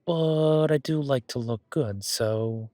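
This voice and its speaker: A man portrays a laid-back werewolf who loves the gym and supports his partner, taking it slowly in a mellow, medium-pitched voice close to his everyday one. Earnest and reassuring, he rambles through self-corrections in this casual one-sided roleplay. The audio is very dry, with hardly any room.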